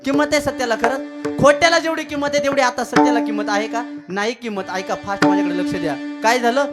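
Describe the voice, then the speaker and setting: A man's voice: very high voice, fast talker, loud music behind the voice. A man with a Marathi accent preaching a devotional kirtan in a village temple, telling stories, repeating key lines with emphasis and breaking into chanted verse. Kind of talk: devotional kirtan sermon with storytelling and sung verses. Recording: live temple sermon with instrument accompaniment.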